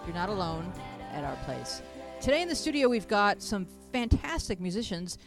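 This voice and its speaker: A woman's voice: mid-range voice, very animated, moderate pace, music in the background. Playful chatty woman hosting a show. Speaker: host. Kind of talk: casual talk-show hosting. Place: small home studio. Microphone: handheld mic, headphones on.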